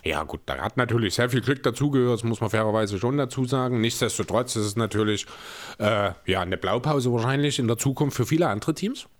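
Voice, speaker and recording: A man with an average-pitched voice co-hosts a casual chat podcast. He weighs each point carefully and analytically, often with a chuckle. He is recorded indoors in a room with closed windows. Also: lively intonation, brisk. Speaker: podcast co-host.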